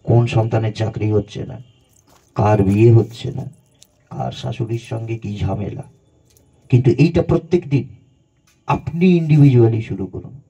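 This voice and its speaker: A man's voice: fairly low pitch, normal speed, vocal fry, pauses often, dark tone, husky. A man, a spiritual guru, giving a conversational devotional satsang talk and guiding the listeners through breathing meditation, on a dull lo-fi recording.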